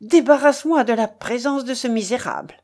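A woman's voice: fairly high pitch, brisk, a little mellow, pitched above the performer's own voice, lightly acted. A woman voicing a pious, frail older male bishop in a storybook reading, speaking in a weak, pleading voice. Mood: horrified.

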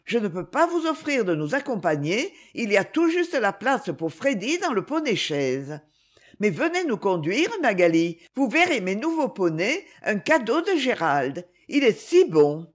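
A woman's voice: mid-range voice, very animated, pitched above the performer's own voice. A woman reading the part of an eager, chatty young noblewoman who gushes and hurries her words. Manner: gushing and hurried.

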